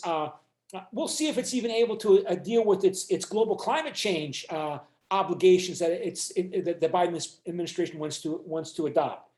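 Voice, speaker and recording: High-voiced lecturing man, halting. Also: a little mellow, reverberant. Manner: halting, many fillers and restarts. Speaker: university instructor. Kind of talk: lecturing in online class. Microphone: video call.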